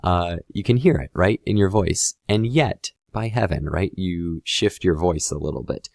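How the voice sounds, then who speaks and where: A man teaching a poetry lesson in a relaxed, conversational way, speaking straight to the viewer. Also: sits low, normal speed, gravelly, no room sound, studio quality. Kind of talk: explanatory lesson on a poem.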